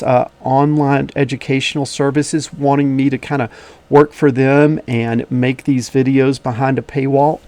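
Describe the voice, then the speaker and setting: A man's voice: fairly high pitch, a little mellow. A man with a slightly wheezy voice hosting a casual tutorial, chatting to viewers in a folksy, direct way. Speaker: online tutorial teacher and host. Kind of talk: casual instructional video lesson.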